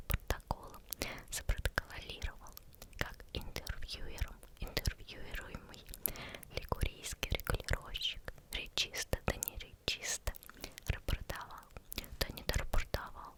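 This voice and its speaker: This is a hushed ASMR performer reading tongue twisters entirely in a whisper. The delivery trips over hard words and goes back to repeat syllables and phrases. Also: unhurried. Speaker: ASMR creator.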